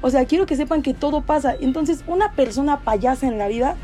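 High-voiced Mexican woman, chatty guest. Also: a little fast, faint music behind. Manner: expressive, gossipy storytelling. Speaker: podcast guest. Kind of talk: casual chat.

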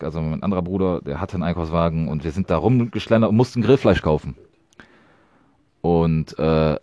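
A man's voice: sits low, darkish tone, no room sound. Slangy young man telling rambling stories. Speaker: podcast co-host. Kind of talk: casual chat.

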